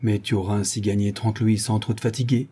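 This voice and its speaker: A man's voice: lowish voice, flat delivery, brisk, warm tone, breathy edge. A man voicing a suspicious, hot-tempered old male farmer who barks his lines scornfully. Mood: menacing. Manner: barking, scornful.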